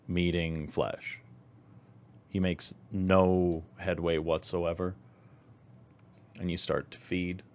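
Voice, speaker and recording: A man narrating scenes as the game master of a tabletop role-playing game, in a measured way. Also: sits low, a little mellow.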